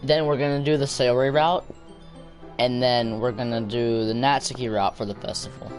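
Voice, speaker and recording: Young male streamer, loud, jokey, chats with viewers, game music behind. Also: medium pitch, fairly even intonation, moderate pace. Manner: loud, joking, talks to chat. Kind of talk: casual game stream commentary. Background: background game music.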